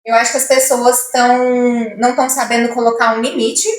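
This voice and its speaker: A woman's voice: on the high side, flat delivery, brisk. A woman in casual podcast chat, giving firm opinions and telling stories from her own childhood. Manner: opinionated, tells personal anecdotes. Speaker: podcast co-host. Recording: echoey room.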